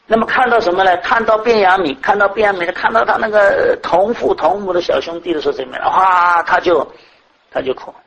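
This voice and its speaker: Man preaching a sermon, kinda high voice, keeps asking the crowd questions, goes loud then soft. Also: brisk, creaky, slightly rough, poor audio. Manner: asks the congregation many rhetorical questions; swings between raised emphatic and soft low phrases.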